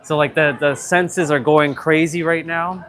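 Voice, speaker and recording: A man's voice: fairly high pitch, fairly even intonation, unhurried, a bit bright. A man vlogging a casual walking tour of an outdoor shopping plaza, rambling with many fillers, his voice run through noise cancellation with noise reduction artifacts. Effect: noise cancellation processing with noise reduction artifacts.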